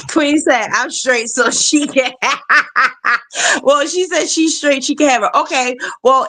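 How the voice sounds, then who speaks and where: A woman's voice: on the high side, fairly bright tone. A woman in her forties hosting a casual live talk show, chatting, laughing often and greeting viewers as they join. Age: 40s. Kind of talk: casual chat.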